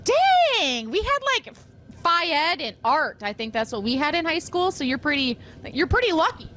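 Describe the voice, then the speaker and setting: An American woman reporter chats in a high, bright voice, bubbly and informal. She is interviewing outdoors in cold air that catches her breath. A light generator noise sits behind her. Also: sing-song, normal speed. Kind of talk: casual on-location interview. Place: outdoors in the cold at a frozen lake. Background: generator running.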